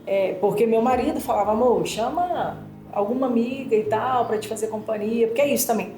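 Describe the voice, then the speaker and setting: A woman with a Brazilian Portuguese accent tells a personal story in casual chat, her voice fairly high and a little fast. She's animated and uses lots of fillers, and the recording sounds roomy with music behind her.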